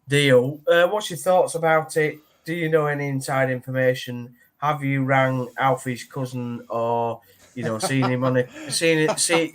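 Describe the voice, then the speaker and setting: A man hosts a laid-back football podcast. He talks in a chatty, teasing way and fills his pauses with ums and uhs. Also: mid-range voice, a bit bright. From Yorkshire, England. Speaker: podcast host. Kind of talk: casual football chat.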